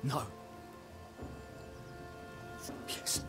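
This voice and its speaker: An actor playing a nervous, guilt-ridden village blacksmith in a video game, hesitant, rambling and flustered. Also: male voice, measured pace, over music, lightly acted. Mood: anguished. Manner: hesitant, rambling, flustered, voice leaps when agitated. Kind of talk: dramatic video game acting.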